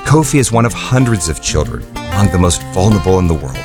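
A man reading a scripted charity appeal in an earnest, measured way. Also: deep voice, expressive. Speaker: mission spokesman. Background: soft guitar music.

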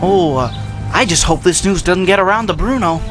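An actor playing a slick, falsely friendly teenage hustler with a smarmy manner in an audio drama. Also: male voice, high voice, normal speed, over music, natural voice. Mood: veiled menace. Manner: smarmy, casually menacing.

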